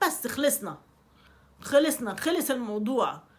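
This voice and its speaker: A woman with an Egyptian Arabic accent hosting a self-help talk for women, in her middle years. She sounds emphatic and animated, with a somewhat high voice that swings widely in pitch. She keeps repeating her key phrases and acts out small examples as she talks. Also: moderate pace. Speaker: self-help video host. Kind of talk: advice talk to women viewers.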